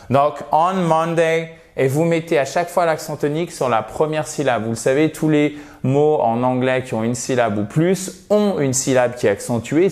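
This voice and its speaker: A man teaching English to French speakers in an online lesson. He talks slowly and patiently, with a mid-range voice, and keeps checking in with his listeners. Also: mid-range voice, a little mellow. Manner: slow, patient explaining with repeated checks.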